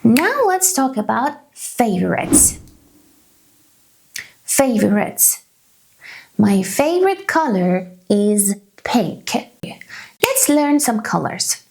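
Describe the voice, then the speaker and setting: Woman in her 30s, ESL teacher, slow and clear, sing-song pitch, bit of vocal fry. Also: very animated, darkish tone. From Canada. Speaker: English teacher. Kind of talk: slow beginner English lesson. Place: small room indoors.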